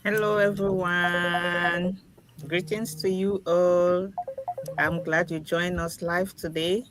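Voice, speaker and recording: A woman from Cameroon, working as a business mentor, welcomes viewers with warm greetings. Her voice is low and full. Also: flat delivery, slow pace, over music. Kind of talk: casual self-introduction.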